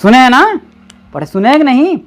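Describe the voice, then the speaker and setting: A woman tutoring reading one-on-one, patiently repeating syllables slowly and coaxing her student along. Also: high voice, big pitch swings.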